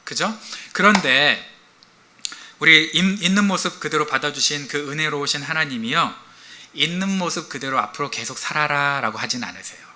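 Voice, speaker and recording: A middle-aged man preaches in a lively, conversational way, joking with the congregation and asking them questions. His voice is very bright and forceful and sits a little high for a man. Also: moderate pace. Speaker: pastor. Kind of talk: sermon.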